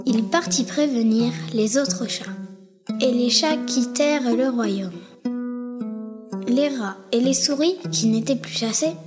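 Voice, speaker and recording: A woman narrating a children's story with slow, careful reading. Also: on the high side. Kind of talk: storybook narration over music. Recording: music playing behind.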